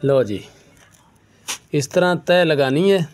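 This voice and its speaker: A man's voice: on the high side, animated, slow pace, a little mellow, soft background music. A man with a Punjabi-influenced Urdu accent, giving a casual hands-on herbal remedy demonstration and addressing viewers as brother. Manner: casual, keeps saying "lo ji" and "bhaijaan". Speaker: herbal medicine practitioner.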